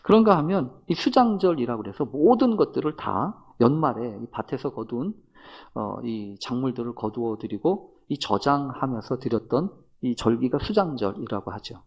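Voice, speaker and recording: Husky-voiced male pastor preaching. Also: mid-range voice, sing-song, moderate pace. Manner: conversational preaching, rhetorical questions, soft murmured asides. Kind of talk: sermon.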